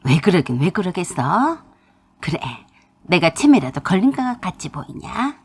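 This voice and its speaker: A woman's voice: fairly low pitch, big pitch swings, vocal fry, slightly rough, voice pushed down, heavily acted. Woman playing an angry old mother. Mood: furious scolding. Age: older. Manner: harsh scolding, slow and dragged out. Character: bitter scolding old mother, widowed and lonely.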